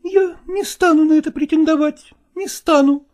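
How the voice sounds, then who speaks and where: A woman's voice: sits high, fairly even intonation, normal speed, darkish tone, close to an everyday voice. A woman voicing a stubborn young novice actress in an audiobook drama, insistent and pleading.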